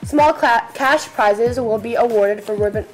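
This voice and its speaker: A woman's voice: on the high side, a little slow, soft background music, rough recording. A teenage young woman co-hosting student news, reading school announcements in a chatty, playful manner. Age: teens. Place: small school video studio, seated at desk.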